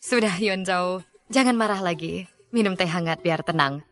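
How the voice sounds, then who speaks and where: A woman dubbing a remorseful young woman who pleads softly with her former partner. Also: on the low side, moderate pace, lightly acted. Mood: soothing. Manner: soft, pleading. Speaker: dean's girlfriend. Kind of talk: dubbed drama acting.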